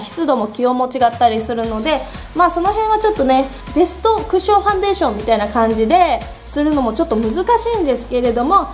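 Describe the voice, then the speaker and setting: A young woman with a high, lively voice chats through her favourite makeup in a casual, upbeat vlog. She is playful and talkative, and faint music plays quietly behind her. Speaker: beauty vlogger. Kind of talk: casual product review.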